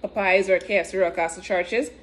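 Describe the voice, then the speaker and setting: A woman's voice: mid-range voice, steady tone, a little fast. A woman talking while chewing in a casual, rambling food review chat, with fillers and restarts. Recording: clear background noise.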